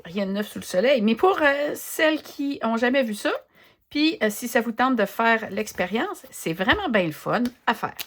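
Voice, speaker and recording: A woman with a Québécois French accent chatting casually as she works in her art journal, thinking aloud with many pauses and fillers. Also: fairly high pitch, expressive, fairly bright tone. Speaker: craft vlogger. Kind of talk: casual chat while crafting.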